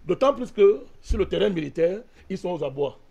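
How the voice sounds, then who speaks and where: This Cameroonian man's high-pitched, sing-song voice is gravelly, husky and dark, and he talks a little fast. As a panelist in a fiery political debate, he argues insistently, addressing the host by name again and again.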